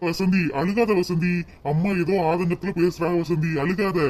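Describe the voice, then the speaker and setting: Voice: medium pitch, steady tone, normal speed, a little mellow, close to an everyday voice. A voice actor playing a guilt-ridden husband in a cartoon, pleading and soothing. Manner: pleading and soothing, breaks into tears. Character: husband, guilt-ridden drinker who lost his car. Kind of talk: cartoon voice acting.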